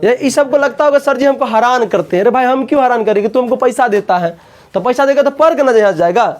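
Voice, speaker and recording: A man's voice: very high-pitched, fast talker. A man teaching a coaching class, often asking students questions and repeating the answers.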